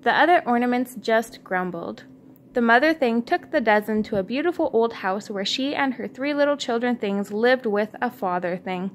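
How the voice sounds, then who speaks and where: A mother reads a storybook aloud to her young child at home, her slightly high voice animated and moderately paced. She encourages the child and asks questions along the way, with faint background noise in the home recording.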